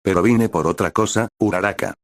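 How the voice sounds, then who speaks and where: A man reading the lines of an earnest, devoted teenage boy hero in an even, unchanged voice. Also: low-pitched, fairly quick, no room sound, natural voice. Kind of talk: scripted fanfic reading.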